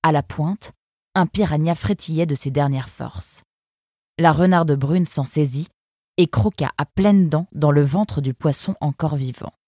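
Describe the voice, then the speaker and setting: Lady reading a story aloud, measured, deep-ish voice, very dry booth sound. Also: mellow, no room sound. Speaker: audiobook reader. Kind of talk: storybook narration.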